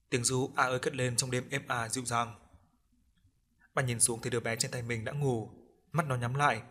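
A man narrating a ghost story with a measured, dramatic reading. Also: mid-range voice, fairly bright tone, slightly rough.

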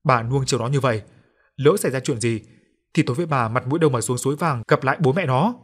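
A man voicing a stern, quick-tempered old grandfather in a ghost story, speaking gruffly. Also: medium pitch, lightly acted. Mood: scolding. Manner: gruff, scolding.

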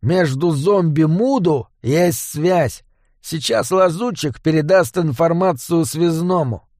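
A man's voice: a little high, expressive, slow, a little mellow, dry recording, clean studio sound, pitched above the performer's own voice. A man voicing a cocky, mocking little goblin sorcerer who talks in slang.

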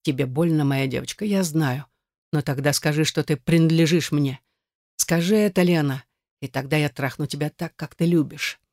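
A man doing a hushed, domineering captor. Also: on the high side, steady tone, normal speed, no echo, clean studio sound, natural voice. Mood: commanding. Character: domineering possessive male captor, commanding. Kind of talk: erotic audiobook reading.

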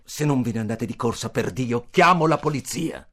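A man voicing an outraged, heavyset middle-aged landlady who shouts and scolds in a shrill, indignant way, as part of a storybook reading. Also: expressive, moderate pace. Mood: furious.

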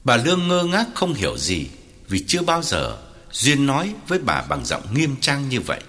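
A man narrating an audiobook in scripted narration with an expressive delivery. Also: mid-range voice, moderate pace.

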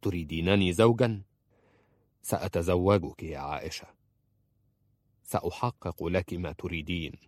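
A man doing a stern, harsh husband with a deep voice. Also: fairly even intonation, moderate pace, pauses often, a little mellow, no echo, clean studio sound. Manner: cold, commanding.

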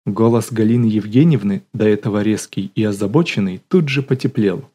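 Mellow-voiced male audiobook narrator. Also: lowish voice, brisk, slightly rough. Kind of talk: scripted narration.

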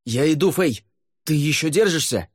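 A man voicing a wounded young man who shouts with strain and determination. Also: fairly high pitch, lively intonation, moderate pace, breathy edge, pitched above the performer's own voice. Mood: straining shouting.

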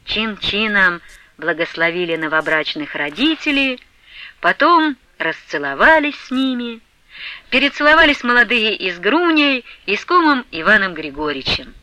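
A woman narrating a classic novel as an audiobook in an expressive storytelling manner. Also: mid-range voice, moderate pace, low-quality recording.

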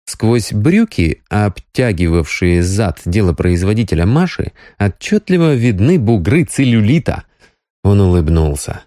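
Mellow male audiobook narrator. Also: fairly low pitch, lively intonation, a little slow, no room sound, studio quality. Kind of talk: scripted narration.

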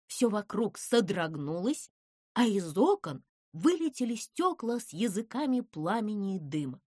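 A woman narrating a children's storybook in a lively, dramatic way. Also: medium pitch, no room sound, clean studio sound.

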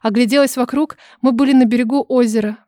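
Woman narrator, first-person audiobook, expressive, dramatic, fairly high voice, dry close sound. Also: fast talker, no room sound.

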